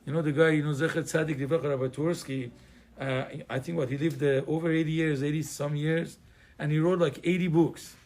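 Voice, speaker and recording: Male rabbi from Iran, informal class delivery, digressive and wry, slightly raised pitch. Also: steady tone, a little fast, darkish tone, slight background noise. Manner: conversational, digressive, joking asides, frequent fillers. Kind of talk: informal Torah class to a live audience.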